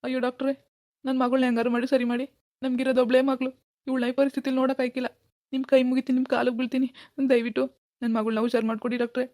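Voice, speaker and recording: A worried middle-aged father in a cartoon speaks low and soothingly, voiced by a woman, trying to calm his wife. His delivery is rapid and flat, with a mellow, dark tone. The recording is dry and close. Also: no room sound, lightly acted. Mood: pleading. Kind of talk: Kannada cartoon voice acting.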